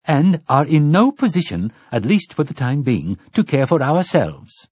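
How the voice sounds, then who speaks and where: A man's voice: fairly high pitch, sing-song, measured pace, darkish tone, breathy edge, no room sound, voice pushed up, heavily acted. A man voicing a pompous, plump middle-aged woman with an English accent who speaks in ringing, indignant tones. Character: pompous plump English lady, garden-club type.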